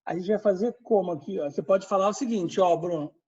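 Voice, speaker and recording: A man's voice: sits high, brisk, warm tone, breathy edge, lo-fi sound. A male English teacher, Portuguese his first language, reviewing a lesson and checking in with students by name. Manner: explains step by step, checks in with students. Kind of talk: recorded class review lesson.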